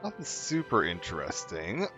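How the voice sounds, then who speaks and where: A man's voice: low voice, huge pitch swings, moderate pace, bright, forceful tone, faint music behind. A man streaming a game, chatting casually with many fillers and restarts. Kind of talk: casual let's-play commentary.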